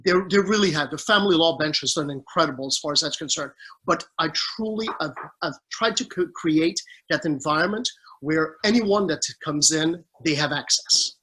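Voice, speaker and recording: A middle-aged Caribbean man, a family law judge, answers questions over a video call with poor audio. His voice is high and bright with a husky edge, and he speaks at a moderate pace, earnestly and warmly toward family, restarting sentences and leaning on fillers as he explains his work.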